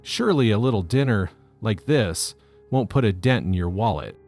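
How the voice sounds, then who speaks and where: A man's voice: on the low side, lively intonation, moderate pace, darkish tone, faint music behind. A man narrating the lines of a sweetly sarcastic young woman in a story. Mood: sweetly mocking.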